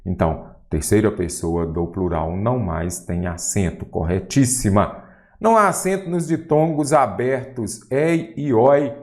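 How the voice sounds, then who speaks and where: Guy teaching grammar, lowish voice that swings all over, keeps asking the viewer questions. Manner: lively, quizzes the viewer with rhetorical questions. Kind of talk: exam-prep lesson.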